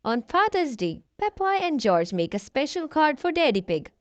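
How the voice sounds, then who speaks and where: A channel host reads a picture book aloud for small children, using a high voice and an expressive storytelling style that swings widely in pitch as she addresses her young listeners directly. She speaks at normal speed, and the recording is dry, with very little room sound and no echo.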